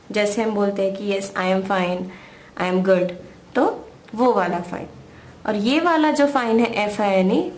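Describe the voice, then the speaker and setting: A woman's voice: mid-range voice, a little mellow. An Indian woman teaching English grammar, patiently explaining and spelling out words letter by letter. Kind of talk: slow explanatory lesson in Hindi-English mix.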